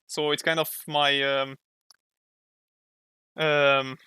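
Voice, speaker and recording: Young hungarian guy streaming art, talks and draws, hunts for english words now and then, sharp tense voice. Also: fairly high pitch, level tone, very slow, clean tone, no room sound. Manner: thinks aloud, sometimes searches for English words. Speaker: streamer and comic artist. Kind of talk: casual livestream chat while drawing.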